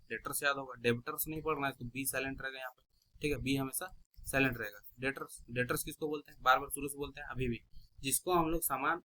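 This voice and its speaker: A man's voice: mid-range voice, sharp tone, low-quality recording. A man teaching an accounting class, asking his students questions and answering them himself, repeating the key terms. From India. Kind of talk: classroom lecture explaining terms.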